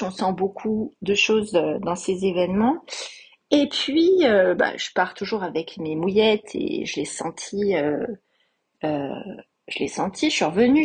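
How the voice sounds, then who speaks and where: Breathy French woman reviewing perfumes. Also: medium pitch, animated, normal speed. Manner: hesitant, many fillers, enthusiastic about scents. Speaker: podcast host reviewing perfumes. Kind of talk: casual spoken review.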